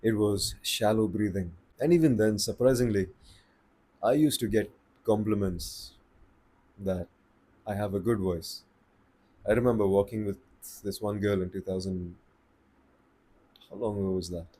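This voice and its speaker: A man with an Indian accent giving calm, slow-paced advice on speaking to the camera. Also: fairly low pitch. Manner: slow, calm and deliberate, with pauses. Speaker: voice coach. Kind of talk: casual advice talk to camera.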